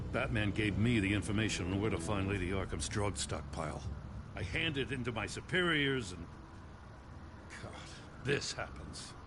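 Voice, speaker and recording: A man's voice: medium pitch, natural voice. A man playing a weary, conscientious, frustrated police officer in a dramatic video game.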